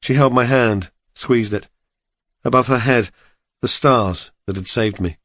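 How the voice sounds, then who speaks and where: A man narrating an audiobook in the first person, steady and measured. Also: mid-range voice, dry recording, clean studio sound.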